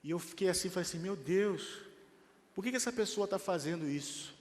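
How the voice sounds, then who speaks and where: High-voiced Brazilian pastor preaching. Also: male voice, brisk, long reverb tail. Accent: Brazilian Portuguese. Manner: rising to emphatic, animated preaching. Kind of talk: sermon. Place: church hall.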